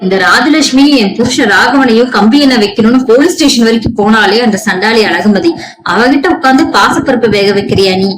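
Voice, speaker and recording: A woman voicing a harsh, scolding middle-aged mother-in-law who talks in a sharp, scornful way. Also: on the high side, fairly quick, a crowd in the background, close to an everyday voice, poor audio. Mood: angry scolding.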